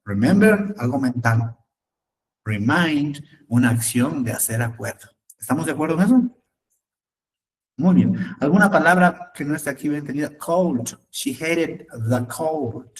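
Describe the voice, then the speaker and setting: A man's voice: fairly high pitch, expressive, moderate pace, far from the mic, poor audio. A man teaching an English class in Spanish, patiently repeating words and checking understanding. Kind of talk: online class, explaining in Spanish.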